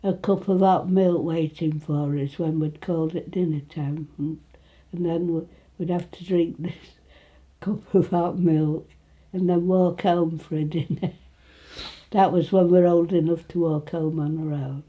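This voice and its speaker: A woman in her nineties with an East Midlands English accent, reminiscing informally in a halting way, with phrases that trail off. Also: on the low side, fairly even intonation, dull audio. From Retford, England. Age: 90s. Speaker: interviewee recalling her life.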